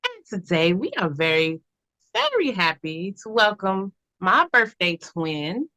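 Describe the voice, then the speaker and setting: Lively, bright-voiced American woman hosting. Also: medium pitch, unhurried, no echo. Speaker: podcast host. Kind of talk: casual music talk show.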